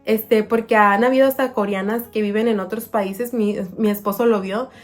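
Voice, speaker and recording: A woman chatting to viewers as a vlogging mother, slowing down to say words very clearly when she shows how she taught them. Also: medium pitch, steady tone, soft background music. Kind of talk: casual storytelling to viewers.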